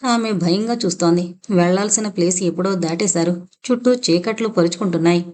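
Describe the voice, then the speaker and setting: A woman's voice: lowish voice, brisk, darkish tone. Woman narrating an audio novel. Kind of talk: scripted narration.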